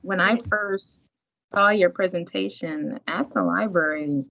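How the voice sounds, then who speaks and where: A woman's voice: fairly low pitch, unhurried, vocal fry, a bit bright. A woman hosting a library talk, speaking with admiring enthusiasm. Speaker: program host. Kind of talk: casual discussion on a video call. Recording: muffled lo-fi call audio.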